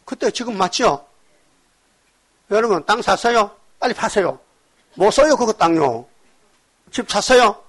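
High-voiced emphatic Korean preacher man. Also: expressive, unhurried, pauses often, slightly rough. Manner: call-and-response, rhetorical questions to the congregation; emphatic, swings between loud exhortation and quiet asides. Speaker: pastor. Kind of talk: sermon.

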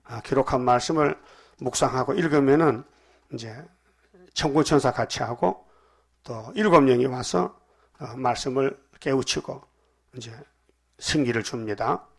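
A man preaching a sermon, with sudden emphatic bursts between calmer stretches and frequent pauses to fill. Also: medium pitch, vocal fry, slightly rough. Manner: preaches with rising emphatic bursts and many "어" fillers. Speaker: pastor.

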